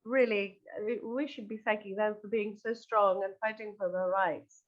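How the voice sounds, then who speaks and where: A woman from northern Greece, a band's singer and lyricist, answers interview questions earnestly but hesitantly, repeating words as she speaks. Her voice is medium in pitch and steady in tone, at a normal speed, with lo-fi sound.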